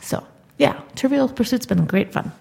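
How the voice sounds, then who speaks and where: A woman's voice: fairly high pitch, lively intonation, normal speed, vocal fry, a little mellow, husky. A woman co-hosting a podcast in casual chat, rambling and upbeat. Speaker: podcast co-host.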